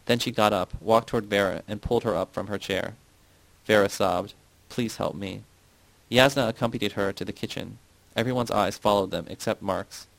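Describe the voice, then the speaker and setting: Casting: male audiobook narrator, low, gravelly, dry close sound. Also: no room sound, rough recording. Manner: steady first-person reading. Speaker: audiobook reader. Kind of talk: scripted narration.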